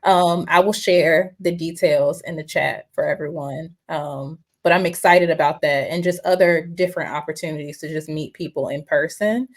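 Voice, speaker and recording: This is a woman hosting a podcast interview over an online video call. Her voice sits fairly low, and she talks in a relaxed, conversational way, often pausing on fillers as she gathers her thoughts. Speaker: podcast host. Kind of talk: casual interview chat.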